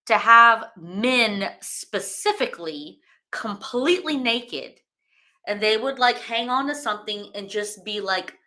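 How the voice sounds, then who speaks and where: A woman's voice: medium pitch, bright, forceful tone. A woman hosting a wine-tasting livestream, chatting casually and enthusiastically with lots of rambling fillers.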